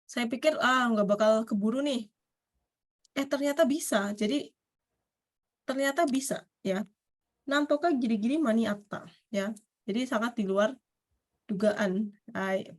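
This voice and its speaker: Woman, Japanese teacher, slightly high voice, casual class talk, frequent laughter, slow careful example readings. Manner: chatty, often laughing, reading example sentences slowly. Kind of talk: casual online class explanation.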